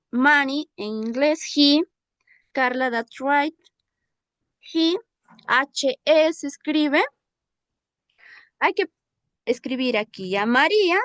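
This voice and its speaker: A woman's voice: high voice, no echo. A woman teaching a classroom English lesson in Spanish with a Peruvian accent, patiently repeating examples and checking that students follow. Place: school class session.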